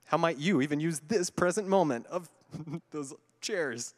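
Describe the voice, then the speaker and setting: A high-voiced man talks from a conference stage, animated and conversational. He throws in playful asides to the room. The large hall adds a long reverb to his voice. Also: a little slow. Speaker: keynote speaker. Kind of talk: conference keynote talk.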